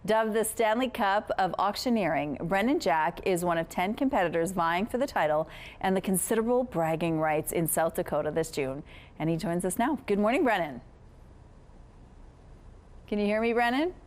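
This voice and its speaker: A woman's voice: medium pitch, expressive, moderate pace. A woman presenting and asking questions as host of a broadcast morning news interview.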